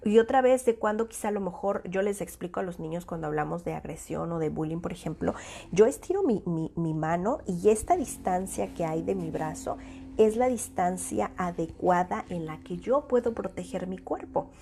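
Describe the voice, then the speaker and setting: A woman's voice: fairly low pitch, expressive, normal speed, gravelly, warm tone, a little hiss or hum. A woman psychologist gives parents an informal talk. She explains her points through everyday examples and sometimes acts out the voices she quotes. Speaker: child psychologist.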